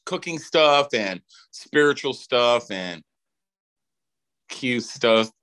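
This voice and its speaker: A man's voice: mid-range voice, animated, drawn-out words, a bit bright, clear, resonant tone. A middle-aged man talking as a podcast guest in casual chat, rambling with lots of fillers and restarts. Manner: rambling, drawling talk with frequent fillers and restarts.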